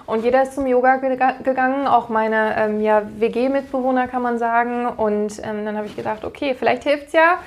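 Yoga teacher woman in her 30s, kinda high voice, friendly, lots of ums. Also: fairly even intonation, moderate pace, hardly any pauses. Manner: friendly, rambling, many fillers. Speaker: interview guest, yoga teacher. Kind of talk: podcast interview.

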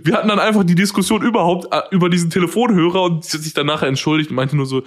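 Animated young man telling stories. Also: sits high, racing. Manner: animated storyteller, acts out both sides of conversations. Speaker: podcast co-host. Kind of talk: casual chat.

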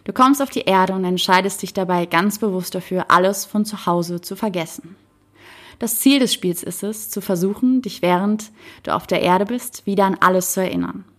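A woman reading the part of a wise, kindly old man in a storybook, speaking gently and patiently. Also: mid-range voice, expressive, moderate pace, close to an everyday voice. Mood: calm.

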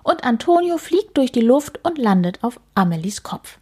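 A woman gently narrating a children's storybook, often near a whisper. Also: fairly high pitch, big pitch swings, moderate pace, husky.

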